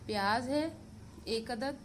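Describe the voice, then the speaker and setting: A woman with a Pakistani Urdu accent, hosting a cooking channel, calmly talking through each step of a recipe in a voice-over. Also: on the high side, slow pace, a little hiss or hum. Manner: steady step-by-step instructions mixed with English words.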